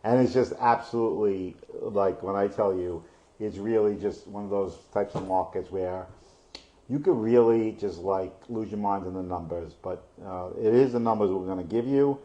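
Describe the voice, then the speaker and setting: Co-hosting a casual live real estate stats chat, this middle-aged man has a fairly low, mellow voice and a moderate pace, and the audio sounds lo-fi. His talk rambles with plenty of fillers and restarts, punctuated by frequent laughter.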